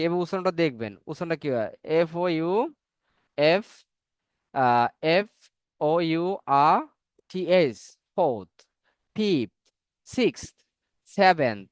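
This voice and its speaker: A man teaching a spoken English class, repeating each number slowly so learners can say it after him. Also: a little high, smooth, dry recording.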